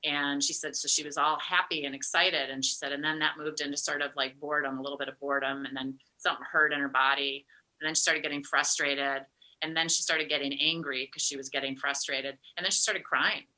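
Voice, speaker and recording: Female coach guest, very low pitch, sharp and bright timbre, thoughtful and hesitant. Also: steady tone, brisk, rough recording. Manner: thoughtful, hesitant, many fillers and restarts. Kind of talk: casual interview chat.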